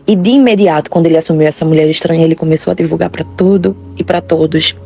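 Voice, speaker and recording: A woman reads a personal testimony in the first person. Her voice sits low and mellow, and her delivery is earnest and confessional. Faint music plays beneath her. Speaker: testimony narrator.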